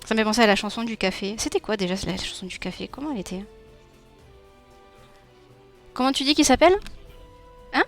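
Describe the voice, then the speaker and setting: Faint music plays behind a young woman from Nîmes, whose southern French accent colors her casual talk with viewers as she draws on a live stream. Her slightly high voice is lively and brisk, with frequent pauses. Warm and chatty, this streamer and illustrator laughs often and reads the chat aloud.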